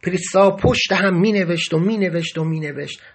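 A man's voice: sits high, husky. A man narrating a first-person memoir in an earnest, grave storytelling manner. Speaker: podcast narrator.

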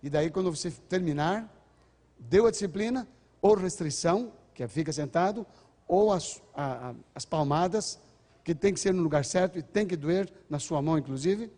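An older man gives an earnest parenting lecture to a big crowd, now and then acting out what parents and children say to each other. His voice sits a bit high but sounds mellow and dark. A long reverb trails after his words in the hall. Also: normal speed. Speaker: speaker on parenting. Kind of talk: lecture to a large audience.

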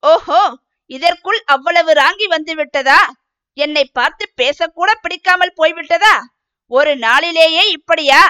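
A sharp-tongued young village woman flares up in jealous taunts, as a woman reads her out in a storybook. The voice is high and bright, the scolding quick and biting. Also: heavily acted.

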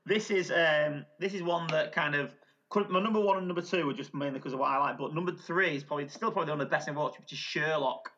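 Man, slightly high voice, casual banter, repeats himself. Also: quick pace, a bit bright, slight background noise. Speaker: podcast co-host. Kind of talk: casual chat. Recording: dull lo-fi audio.

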